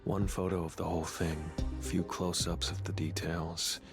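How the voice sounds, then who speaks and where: A man voices a cool, decisive young male hunter in a video game, delivering scripted dramatic lines in a terse, composed, matter-of-fact way. His voice is low and level at normal speed, with music in the background.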